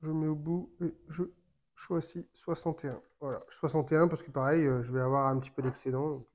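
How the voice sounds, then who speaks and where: A man giving a casual how-to explanation of a fishing rig, talking while he works with his hands and pausing often with fillers and restarts. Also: fairly high pitch, steady tone, a little mellow. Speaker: fishing tutorial maker.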